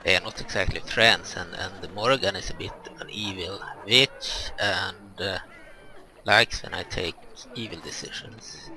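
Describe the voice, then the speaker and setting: A man's voice: low-pitched, unhurried, sharp tone. A man hosting a let's play, giving casual, hesitant gameplay commentary with many fillers. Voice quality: hesitant, filler-heavy speech.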